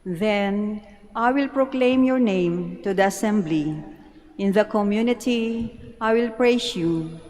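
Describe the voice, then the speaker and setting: A woman lector reciting scripture solemnly and deliberately in a large, reverberant church. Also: mid-range voice, a little mellow. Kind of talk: liturgical psalm recitation. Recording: long church reverb, faint noise.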